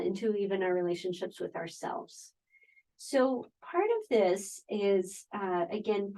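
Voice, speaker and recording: A woman leads a relaxed workshop over a video call. Her talk is gentle and encouraging, with fillers and soft laughs. Her pitch sits mid-range for a woman. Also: low-quality recording. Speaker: workshop presenter, counselor.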